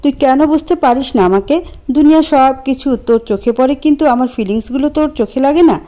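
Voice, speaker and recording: A woman voicing a quiet young man who is hurt and lovesick, reading him in a storybook tale. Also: sits high, brisk, pitched above the performer's own voice, natural voice. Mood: hurt, shouting.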